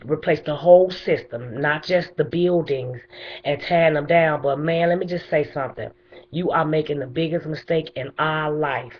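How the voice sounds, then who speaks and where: The recording is muffled as a deep-voiced, middle-aged Chicago mother who has lost a child speaks directly to the mayor. Her unscripted appeal is plain, emphatic, and insistent.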